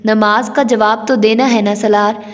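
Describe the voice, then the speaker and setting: Sulky, innocent young bride for an audiobook romance, played by a woman narrator: high, slow and sweet; hall echo. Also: fairly even intonation, lightly acted. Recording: long hall reverb.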